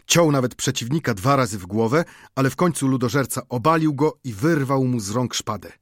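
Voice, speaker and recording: A man reading an adventure novel aloud as an audiobook narrator, in a measured, dramatic storytelling manner. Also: medium pitch, expressive, a bit bright, no echo, studio quality.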